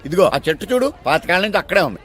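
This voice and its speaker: A pompous, fast-talking college principal. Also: male voice, sits high, very animated, fairly bright tone, exaggerated voice. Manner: pompous, scolding. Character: pompous college principal, middle-aged man. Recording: film soundtrack with music underneath.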